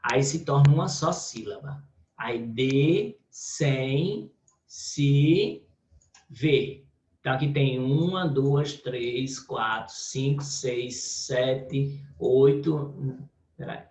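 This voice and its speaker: A man's voice: medium pitch, drawn-out words, darkish tone. A Brazilian man teaching a recorded online class, explaining step by step and often checking in with the students. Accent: Brazilian Portuguese. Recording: roomy, distant, dull lo-fi audio.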